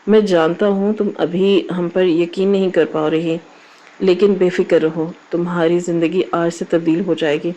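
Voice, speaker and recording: A woman's voice: lowish voice, fairly even intonation, warm tone, muffled recording, lightly acted. A woman voicing a kindly old father. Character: kindly older father, calm and reassuring.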